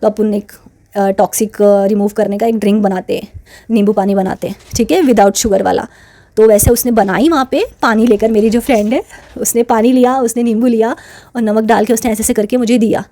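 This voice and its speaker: On her channel, a woman recounts a personal story to camera in a casual, chatty, indignant way, blending English words into her Hindi. Her voice is fairly high and warm, a little fast, with fairly even intonation.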